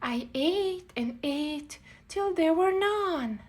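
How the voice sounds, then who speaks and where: A woman voicing an apologetic, gluttonous male toad in a drawn-out way, reading a storybook to a toddler. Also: very high-pitched, expressive, full character voice. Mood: sorry, confessing. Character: grumpy toad, male, sorry and confessing cupcake glutton. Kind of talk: children's storybook character read for a toddler.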